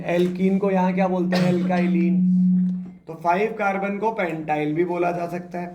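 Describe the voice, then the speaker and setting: A man teaching a chemistry class, quizzing the students and repeating their answers as he spells out structures step by step. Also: high voice. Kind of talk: classroom lecture.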